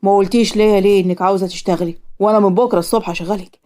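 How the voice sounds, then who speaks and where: A woman voicing a caring middle-aged father who speaks calmly and affectionately with an Egyptian accent in a cartoon story. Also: medium pitch, racing, natural voice.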